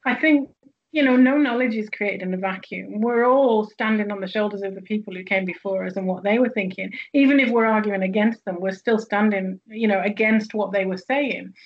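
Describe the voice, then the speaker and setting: Speaking fairly quickly at medium pitch, a sociologist from England's northwest, with a Northern accent, gives thoughtful answers as an interview guest, often using fillers and restarting sentences. The audio sounds dull.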